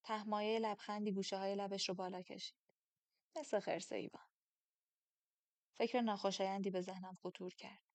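A woman's voice: mid-range voice, level tone, hardly any pauses, darkish tone, no echo. Woman narrating an audiobook, dry close sound. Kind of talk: first-person audiobook narration.

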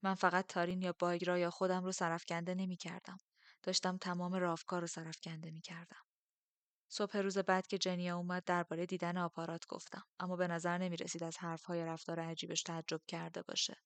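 Steady low-voiced woman narrating a novel. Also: no echo. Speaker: audiobook narrator. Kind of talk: first-person novel narration.

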